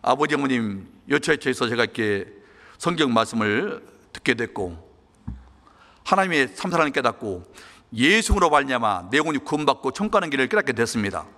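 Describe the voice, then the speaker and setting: A man's voice: medium pitch, pushed and bright. A male pastor gives a sermon in a church. He tells a personal story in an earnest, emotional way. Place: church hall. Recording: long church-hall reverb.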